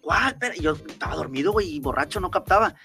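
A man's voice: on the high side, quick pace, creaky, music in the background. A man with a Mexican Spanish accent telling slangy, profane anecdotes in a casual chat. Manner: slangy, profane, animated storytelling.

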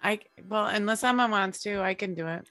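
A woman's voice: medium pitch, a little fast, pushed and bright, no room sound, soft background music. A woman guest on a casual fan podcast, talking in a shy, self-deprecating way. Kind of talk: casual chat.

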